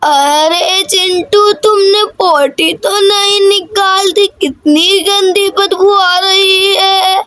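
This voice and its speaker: A woman voicing an elderly grandmother in a cartoon, speaking in a slow, drawn-out way. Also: very high voice, fairly even intonation, fairly bright tone, no room sound, exaggerated voice. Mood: fussing.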